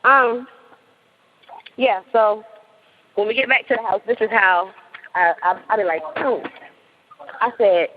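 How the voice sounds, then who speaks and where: A woman's voice: medium pitch, a little slow, long pauses, narrow, tinny audio, a little hiss or hum. A woman in her thirties telling a story in casual chat, laughing often and acting out what people said. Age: 30s. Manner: animated, laughs often, acts out quotes. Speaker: interviewee.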